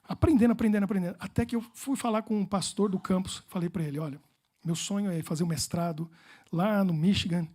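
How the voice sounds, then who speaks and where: A Brazilian pastor preaches with a dark, mellow tone. His voice is a little husky. He tells funny personal stories and repeats words for effect. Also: high-pitched, quick pace. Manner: humorous storytelling, playful repetitions.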